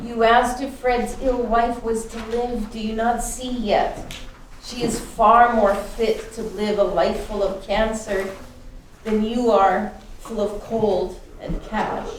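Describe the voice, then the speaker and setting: Stately Christmas ghost a woman acting, radio drama, steady high-ish pitch, pointed manner, distant echoing sound. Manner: measured, grand, pointed. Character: stately, blunt, hearty Christmas spirit. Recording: distant, very echoey room, faint noise.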